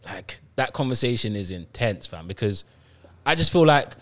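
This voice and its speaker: A man with a South London accent in casual, slangy podcast banter, telling stories in an animated way. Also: mid-range voice, moderate pace. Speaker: podcast co-host.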